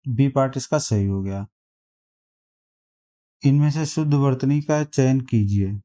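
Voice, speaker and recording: A man teaching a spelling lesson, reading out quiz options and repeating each word slowly to compare them. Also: medium pitch, dark tone. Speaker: exam prep teacher.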